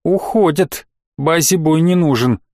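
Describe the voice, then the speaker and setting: A man's voice: on the high side, measured pace, darkish tone, no room sound, clean studio sound. A man reading the part of a stern male space fleet commander who gives curt, barked orders. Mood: calculating.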